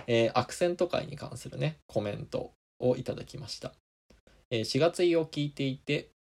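A man's voice: mid-range voice, vocal fry, darkish tone. A man from Kansai, Japan, hosting a podcast and answering listener comments in a meandering, chatty way. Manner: meandering, chatty, many small asides. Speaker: podcast host.

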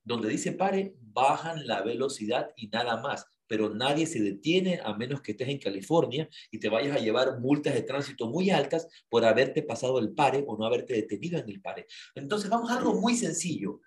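A man hosts a casual talk show. His pitch swings in a lively way as he tells stories. He keeps asking his listeners rhetorical questions. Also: moderate pace, hardly any pauses. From Ecuador. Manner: animated storyteller with rhetorical questions.

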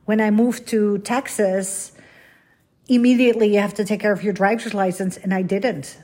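A woman's voice: mid-range voice, steady tone, moderate pace, a little mellow. A middle-aged woman from the Netherlands, hosting a podcast in a candid, rambling, self-deprecating solo monologue. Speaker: podcast host.

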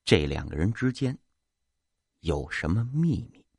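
Man narrating a story, husky and animated, with a wry edge. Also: low-pitched, unhurried, no echo, studio quality.

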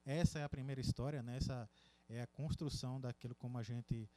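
A man's voice: mid-range voice, steady tone, a little fast, dark tone, no room sound. A man co-hosting a podcast in casual chat, rambling with many restarts. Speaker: podcast co-host.

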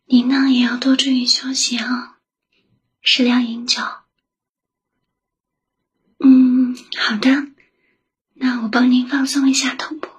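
A woman whispering softly as an attentive young secretary who looks after her boss in an ASMR roleplay. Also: sits high, level tone, takes it slowly, pauses often, husky, full character voice. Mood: caring. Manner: soft whispering, gentle and solicitous.

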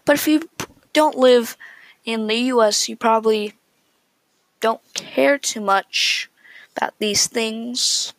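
A woman's voice: a little high, slow, pauses often, no echo, poor audio. A woman hosting a casual solo podcast, talking in an opinionated, chatty way with frequent restarts. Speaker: podcast host.

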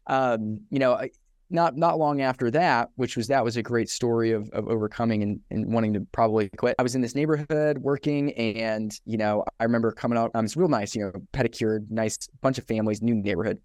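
Animated young man telling a story. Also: medium pitch, brisk, dry recording, studio quality. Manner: animated storyteller who acts out quotes, laughs often. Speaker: podcast host. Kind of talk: casual storytelling.

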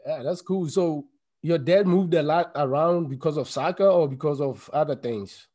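A male soccer podcast host with a fairly high yet dark-toned voice interviews his guest at a normal speed. He's friendly and teasing as he poses his questions.

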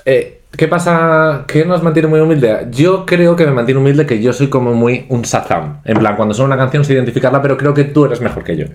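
Man tossing out quick teasing quips. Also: medium pitch, darkish tone. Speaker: podcast host. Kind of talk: casual chat.

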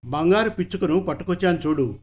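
A man voicing a sly, rough male kidnapper with coarse rustic speech and a wheedling way of talking. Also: high-pitched, animated, fast, darkish tone.

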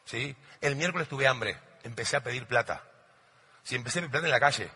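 A man's voice: medium pitch, fast, husky, in a large hall. A middle-aged man with an Argentine accent, giving a motivational talk full of stories and constantly checking in with "¿sí?". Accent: Argentine Spanish. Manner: storytelling, dramatic swings in loudness, constant "¿sí?" checks. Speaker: motivational speaker. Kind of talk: motivational talk to a live audience.

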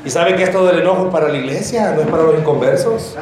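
A man preaching a sermon in a church, animated and joking, acting out comic voices of his congregation. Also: a little high, fast, crowd noise. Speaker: pastor. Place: church sanctuary. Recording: very echoey church hall.

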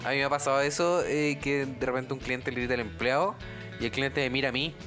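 Quick, joking Chilean man. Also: mid-range voice, steady tone, a bit bright, soft background music. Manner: chimes in with short replies and jokes. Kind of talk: casual chat.

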